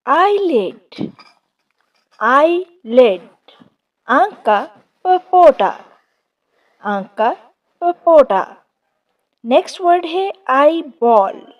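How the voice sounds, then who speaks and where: Slow-spoken woman teaching words. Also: high-pitched, a little mellow, far from the mic. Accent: Urdu. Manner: repeats each word, careful drawn-out pronunciation. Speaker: vocabulary teacher. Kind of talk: slow vocabulary lesson.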